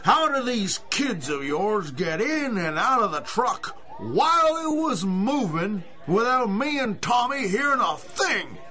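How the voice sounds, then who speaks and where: Indignant 1930s produce boss: blustery, high-pitched, deliberate pace, radio-play slang. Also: male voice, sing-song, sharp tone, exaggerated voice. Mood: exasperated. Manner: gruff working-class bluster, streetwise slang. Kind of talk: 1930s radio adventure acting.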